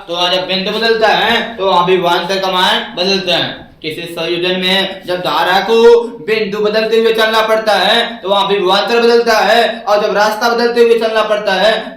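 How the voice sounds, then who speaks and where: A man's voice: high voice, a bit bright. A man teaching a physics class, who keeps asking his students questions and repeating the key words back to them. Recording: echoey room, mic far off.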